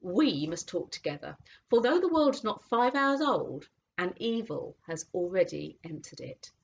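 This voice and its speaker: A woman reading as a slow, solemn lion king. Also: on the low side, sing-song, vocal fry, slightly rough, exaggerated voice. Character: majestic male lion, gentle and wise. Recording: dull lo-fi audiobook recording.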